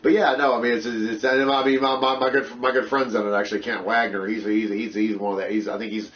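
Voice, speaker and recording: A man's voice: on the low side, steady tone, fast talker. A man co-hosting a podcast in casual chat, rambling with many repeated false starts and fillers. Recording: muffled, distant call audio.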